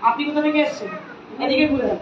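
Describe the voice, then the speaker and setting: A high-voiced woman talks quickly and insistently, scolding and preaching to a crowd. Her voice rings in an echoey room, with dull sound and steady background noise. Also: far from the mic. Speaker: spiritual volunteer handing out free remedies. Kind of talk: addressing a gathering, questioning attendees.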